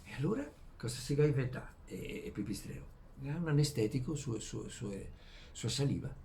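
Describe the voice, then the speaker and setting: A man with a Venetian accent from Veneto, speaking in dialect, rambling through homespun philosophy in a halting way, repeating words and putting questions to his listeners. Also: medium pitch, expressive, gravelly, dark tone, slight background noise. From Veneto, Italy. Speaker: vlogger. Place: outdoors among flowers in early morning.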